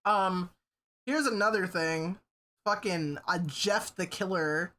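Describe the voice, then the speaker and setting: A woman's voice: fairly low pitch, slow pace, a bit bright. A woman livestreamer chatting casually with her viewers, swearing freely and laughing often. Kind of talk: casual stream chat.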